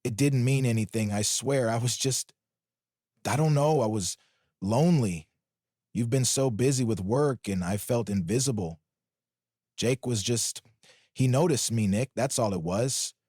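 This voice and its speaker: A man's voice: mid-range voice, a little slow, warm tone, husky, no echo, studio quality. A man voicing a tearful young wife who stammers and pleads, in a storybook reading. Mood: tearful pleading.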